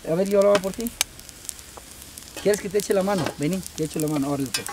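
A man's voice: high voice, fast talker. A young man with a Guatemalan accent, teasing friends and chatting to viewers while cooking outdoors. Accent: Guatemalan Spanish. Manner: teasing, playful, talks to viewers. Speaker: vlogger cooking at a tamale contest. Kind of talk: casual joking banter. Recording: loud frying and sizzling noise.

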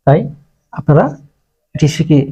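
A man from Bangladesh teaching an exam-prep language lesson, speaking slowly and repeating words syllable by syllable. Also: on the high side, mellow, slightly rough. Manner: slow, repetitive, breaks words into syllables. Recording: dull lo-fi recording.

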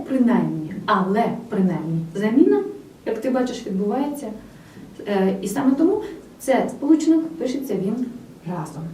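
A woman giving a scripted grammar lesson, speaking clearly and with emphasis straight to the student. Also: a little high, mellow. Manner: clear, emphatic teacher's delivery addressing the student directly. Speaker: language teacher. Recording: roomy, slightly distant with faint noise.

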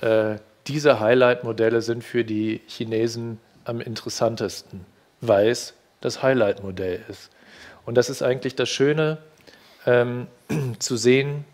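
A man's voice: mid-range voice, a little mellow. A man in his fifties describing what he filmed at a car fair, talking hesitantly with many restarts and fillers, on a headset mic in a TV studio. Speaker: reporter recounting a car fair visit. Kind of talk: studio discussion.

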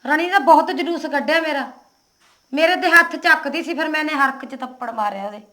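A woman playing a sharp-tongued, quarrelsome village wife in a homemade comedy drama. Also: high voice, fairly quick. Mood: complaining.

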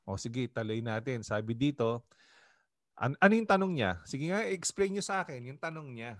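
Filipino pastor doing bible study, lively voice that swings up and down, dry close sound. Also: male voice, mid-range voice, normal speed, no echo. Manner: animated, conversational, asks the group questions. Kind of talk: Bible study teaching in mixed Tagalog and English.

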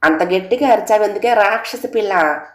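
ఒక మహిళ పలికించే నోటి దురుసు ముసలి బామ్మ, వెటకారంగా గద్దిస్తుంది. గదిలో ప్రతిధ్వని ఉంది. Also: female voice, medium pitch, moderate pace, lightly acted. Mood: teasing scold. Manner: scolding, teasing. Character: sharp-tongued old grandmother. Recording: roomy echo.

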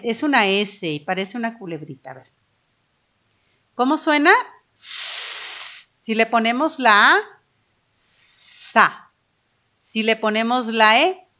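A woman's voice: fairly high pitch, fairly bright tone, highs cut off. A woman teacher giving a children's phonics lesson, patiently sounding out letters and syllables one by one.

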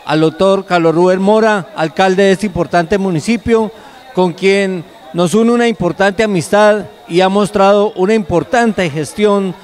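A middle-aged man with a Colombian accent speaking formally as a politician in an outdoor interview on a handheld microphone. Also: high-pitched. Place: outdoors beside a football pitch. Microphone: handheld reporter microphone held to him.

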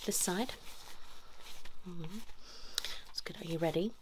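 Speaking slowly in a lowish voice, a woman in her thirties acts as a chiropractor for a fast-paced ASMR personal-attention roleplay. Up close, she gives brief directions and compliments, moving between whispering and normal speech. The setting is a small room indoors, captured on noisy, clicky lo-fi audio.

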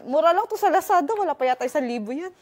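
A woman from the Philippines, excited and chatty, walking through her new house on a casual vlog tour and mixing in English words. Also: high voice, very fast. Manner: excited, chatty, filler-heavy, switching between Tagalog and English. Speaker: vlogger giving a house tour.

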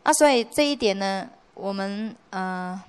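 Woman, Buddhist nun, dharma lecture, conversational, mid-pitched voice, frequent rhetorical checks. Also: animated, a little slow, clean tone. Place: monastery hall.

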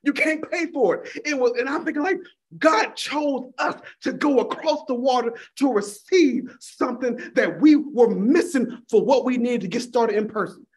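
Casting high-pitched male preacher, fervent sermon delivery, calls the crowd honey. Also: moderate pace. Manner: fervent, repeating "my God in heaven" and calling listeners "honey".

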